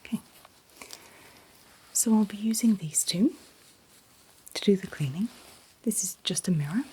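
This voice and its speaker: Breathy woman in slow ASMR role-play. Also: medium pitch, expressive, low-quality recording. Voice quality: breathy, mostly unvoiced soft voice. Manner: gentle, reassuring, unhurried instructions. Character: calm, attentive dentist soothing a patient. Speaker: ASMR performer playing a dentist.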